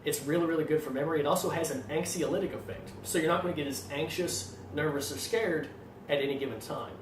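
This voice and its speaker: A man with an Arkansas accent explaining things informally as a trainer, in a fairly monotone voice with a slight tendency to stutter. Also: a little high, fast talker. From Arkansas, United States. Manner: self-described monotone delivery. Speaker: fitness trainer presenting supplement advice. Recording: roomy echo, distant mic, faint noise.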